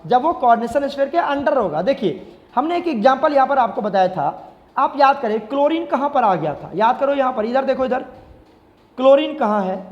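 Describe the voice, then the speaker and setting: A man's voice: extremely high pitch, long reverb tail. A male chemistry teacher, giving a classroom lecture and repeatedly asking the class questions and answering them himself. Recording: slightly dull lo-fi sound.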